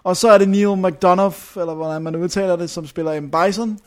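Young man, fairly high voice, casual film chat, rambling, lots of fillers. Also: fairly even intonation. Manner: rambling, searches for names, many fillers. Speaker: film reviewer.

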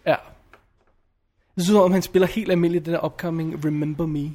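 A man's voice: on the high side, fairly even intonation, a little mellow. A man reviewing a film in casual chat, blunt and opinionated, often restarting his sentences.

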